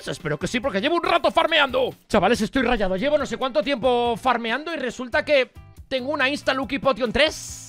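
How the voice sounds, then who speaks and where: A young man with a Spain Spanish accent commentates his gameplay, calling out to his viewers and yelling over his dice rolls. His voice sits very high and sounds bright and sharp, and it swings up and down a lot. Faint game music plays behind him. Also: lively intonation, fairly quick. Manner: addresses viewers as "chavales", shouts at big rolls. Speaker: gaming youtuber.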